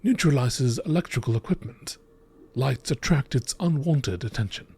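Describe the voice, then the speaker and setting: A man of medium pitch narrates game lore from a script in the style of a nature documentary, sounding animated at normal speed with a darkish tone. There's distinctly noisy ambience behind him.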